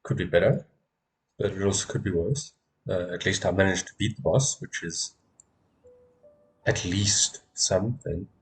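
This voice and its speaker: A man with a deep voice streams a video game, talking casually to himself in an unhurried way with long pauses, often repeating short phrases and swearing mildly. The recording is rough, with video game music playing behind his voice.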